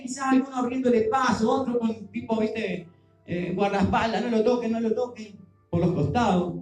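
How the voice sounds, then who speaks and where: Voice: mid-range voice, a little mellow. A preacher, telling a Bible story in a sermon and acting out the voices of its people. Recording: very echoey room with music behind.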